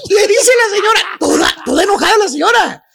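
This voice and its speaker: Shouting slangy Mexican comic host. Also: male voice, very high-pitched, expressive, gravelly. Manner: rapid, slangy, shouting, laughing. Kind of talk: comedic rant on a radio talk show.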